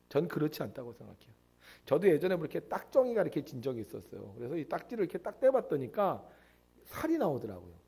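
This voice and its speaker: Animated, gravelly male pastor preaching. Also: a little high. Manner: animated storytelling, acting out voices. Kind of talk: sermon.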